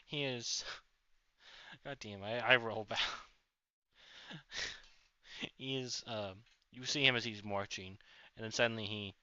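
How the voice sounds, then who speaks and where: A man's voice: lowish voice, fairly even intonation, slow, long pauses, bright, forceful tone, clean tone, no echo. A man narrating as game master of a tabletop game, rambling with many fillers and restarts. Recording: dull lo-fi audio.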